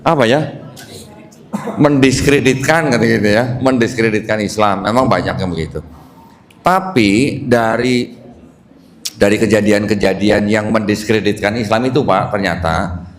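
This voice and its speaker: A man's voice: lowish voice, normal speed, pauses often. Man teaching an audience, coaxing answers. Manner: quizzes the audience, repeating "ya, Bu, ya". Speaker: convert preacher answering audience questions. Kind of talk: lively question-and-answer talk. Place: hall with a live audience.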